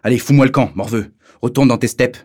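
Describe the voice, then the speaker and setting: A man's voice: fairly low pitch, steady tone, a little fast, husky. A man reading aloud and voicing a brutish older schoolboy who bullies and insults a foreign classmate. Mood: contemptuous. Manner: contemptuous and shouting.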